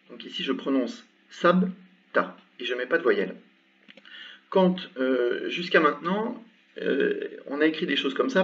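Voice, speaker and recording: A man teaching an Arabic lesson, explaining patiently and sounding out example syllables slowly with many hesitations. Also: on the high side, fairly bright tone. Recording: dull sound from a distance from the mic.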